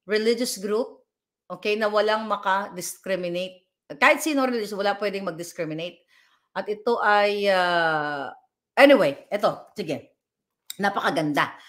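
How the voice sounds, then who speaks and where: A woman's voice: sits high, pushed and bright. A woman giving emphatic live vlog commentary, speaking directly to her viewers and reading their comments aloud. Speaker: political vlogger.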